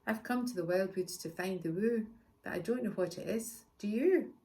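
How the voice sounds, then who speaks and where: A woman voicing an eager, kind young boy wizard in a storybook reading, bright and helpful. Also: medium pitch, moderate pace, natural voice. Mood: curious.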